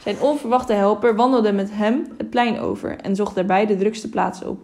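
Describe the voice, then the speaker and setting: A woman reads a storybook aloud in a calm, even voice. Her pitch sits in the middle for a woman. She narrates steadily. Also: normal speed. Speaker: audiobook narrator.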